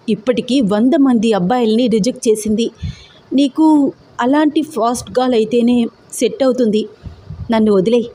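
A woman's voice: a little high, mellow. A woman voicing an angry, hurt young woman in love who scolds and threatens through tears.

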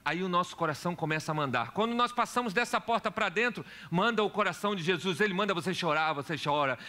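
A man's voice: high voice, animated, fast talker, bright, forceful tone. A man preaching a sermon in church as pastor, asking the congregation questions and telling stories. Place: church hall.

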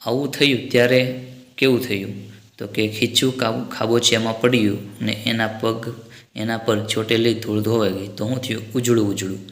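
A man's voice: fairly low pitch, fairly even intonation, moderate pace. A male teacher patiently explaining workbook answers to children, step by step. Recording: roomy echo.

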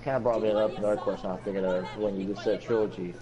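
A man's voice: on the low side, fairly even intonation, racing, dull audio, crowd noise. A young man co-hosting a casual gaming podcast, rambling with many fillers and restarts. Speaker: podcast co-host.

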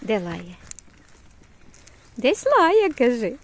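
A woman's voice: fairly high pitch, huge pitch swings, very slow. An older woman from Ukraine chatting casually in cooing baby talk to a toddler while walking outdoors in a yard. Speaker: grandmother vlogger. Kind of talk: casual chat while babysitting.

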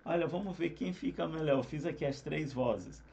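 A man, a singing teacher explaining harmony parts in a relaxed, conversational way. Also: on the high side, moderate pace, creaky, lo-fi sound. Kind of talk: explaining vocal harmony with sung examples.

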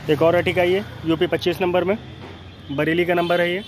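A man with a high-pitched voice and a North Indian accent presents used cars at normal speed, with little pitch movement. His walkaround is matter-of-fact, listing details in short phrases as he moves beside and inside the cars on an outdoor lot. Noisy street ambience is audible throughout.

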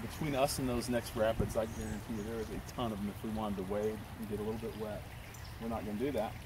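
A man's voice: lowish voice, fairly even intonation. A middle-aged man, chatting and coaching casually while fishing outdoors, filmed on a handheld phone. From Texas. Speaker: fishing vlogger. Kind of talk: casual outdoor vlog narration. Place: outdoors by a rocky creek. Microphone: handheld phone camera. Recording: phone audio with loud creek noise. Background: rushing creek water.

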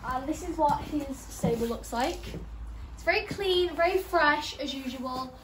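Bubbly high-voiced young woman. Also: fairly bright tone, poor audio. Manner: quick and bubbly, lots of "like". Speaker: co-vlogger showing her half of the barn. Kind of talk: casual barn tour. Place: outdoor horse barn and stables. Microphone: phone camera held nearby. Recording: phone video with faint background noise.

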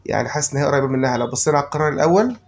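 A man's voice: mid-range voice, animated, very fast. A man from Egypt with an Egyptian accent, chatting casually as he teaches a guitar lesson and thinks aloud while explaining. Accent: Egyptian Arabic. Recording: roomy, loud guitar behind. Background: loud guitar playing.

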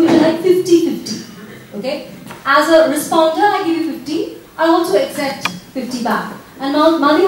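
A high-pitched woman leads an audience through a game at a seminar, brisk and prodding. She sounds far from the recorder in a very echoey room, with faint background noise. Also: a little mellow. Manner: brisk, prodding, laughs between questions. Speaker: discussion moderator.

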